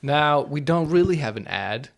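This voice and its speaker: A man's voice: on the high side, lively intonation, normal speed. A man co-hosting a comedy podcast, making dry sarcastic quips in casual chat. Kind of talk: casual banter.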